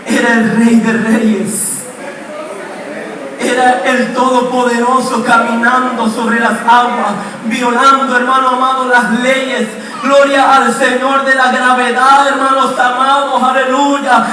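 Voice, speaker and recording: High-pitched shouting Honduran preacher. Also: male voice, a little hiss or hum. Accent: Honduran Spanish. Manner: repeats "hermanos amados" between every phrase; swings from shouting to low, hushed asides. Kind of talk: shouted Pentecostal-style sermon. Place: church hall. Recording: echoey church from a distance.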